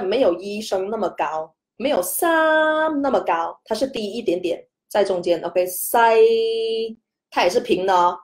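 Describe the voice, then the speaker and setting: A woman hosting a casual spoken lesson. She chats, peppers her talk with "OK", and stretches out single syllables to show each tone rising, falling or staying level. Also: mid-range voice. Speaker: host and language teacher.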